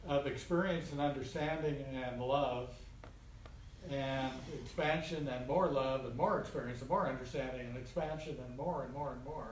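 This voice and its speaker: A spiritual teacher gives an informal talk to a small group, speaking folksily and colloquially and repeating phrases for emphasis. His voice is medium-pitched at a moderate pace. The distant mic makes the recording roomy with faint noise.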